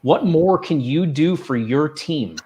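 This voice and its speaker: A man's voice: on the high side, expressive, slow, darkish tone. A male co-host of a live business talk show, talking casually and with animation, often repeating words. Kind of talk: casual panel chat.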